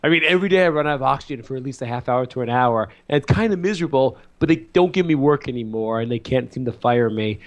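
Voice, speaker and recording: A man co-hosting a podcast, chatting casually and telling rambling, animated stories about his two small children with many fillers. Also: medium pitch, fast talker, hardly any pauses. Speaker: podcast co-host. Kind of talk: casual chat.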